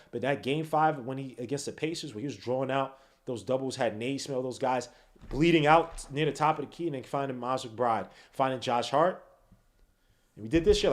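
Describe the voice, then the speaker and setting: A man hosting a late-night basketball podcast, tired and yawning, rambling and swinging from low mutters to loud outbursts. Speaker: podcast host.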